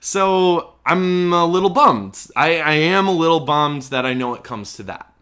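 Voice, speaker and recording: A man's voice: on the high side, expressive, unhurried, pushed and bright, smooth. A man co-hosting a podcast, chatting casually and a bit rambly about a movie trailer. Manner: rambling, restarts and fillers, playful. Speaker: podcast co-host.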